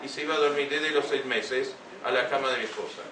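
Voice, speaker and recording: Speaking a bit quickly at a medium pitch, an older man addresses a young audience with sincerity, breaking often for rhetorical questions. The recording catches him from a distance in a reverberant room over a steady hum of room noise.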